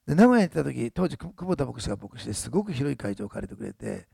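A man's voice: mid-range voice, sing-song, racing, vocal fry, mellow, husky, no room sound, clean studio sound. A man in his sixties, a pastor telling a story in a sermon, chatty, often adding tag words. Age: 60s. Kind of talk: sermon testimony.

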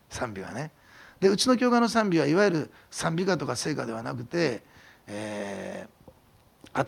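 A man, preaching a sermon as pastor, telling a testimony with animated storytelling and sudden drops to whispers. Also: fairly high pitch, creaky, slightly rough.

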